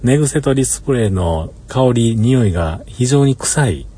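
A man's voice: mid-range voice, animated, a little slow, dark tone, husky. A man with a Kansai accent rambling in an easygoing way in a casual solo monologue, often chuckling, recorded inside a parked car. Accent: Kansai Japanese. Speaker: solo podcaster.

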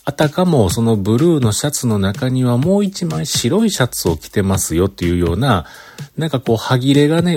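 A man's voice: fairly low pitch, darkish tone, husky. A man with a Kyoto Kansai accent chats casually by himself as a show host, sounding congested with a blocked nose and talking as if holding his breath. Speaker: host of a recorded solo talk show. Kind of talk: casual chat monologue.

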